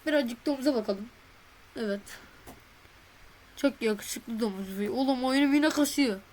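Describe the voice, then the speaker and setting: Slow, chatty young-sounding woman gamer. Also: on the high side, slight background noise, poor audio. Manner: chatty, excitable, talks to viewers while playing; slang-heavy and playful. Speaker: gaming video creator. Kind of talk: casual gameplay commentary.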